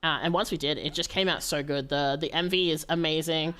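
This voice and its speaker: A woman livestreamer chatting casually with her viewers while gaming, animated and playfully dramatic, given to exclaiming and pleading. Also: deep voice, fairly quick. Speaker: livestreamer hosting a game stream.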